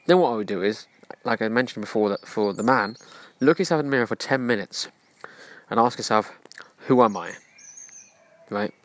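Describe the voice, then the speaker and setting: A man with a fairly low, quick voice hosts a self-help podcast. He talks straight to the listener in an earnest, preachy way.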